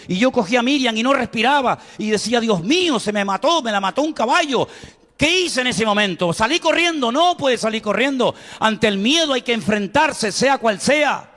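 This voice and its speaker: High-voiced pastor telling stories. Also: male voice, a little fast, few pauses. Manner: animated storytelling, acting out voices and cries. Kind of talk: sermon with personal stories. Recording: long hall reverb.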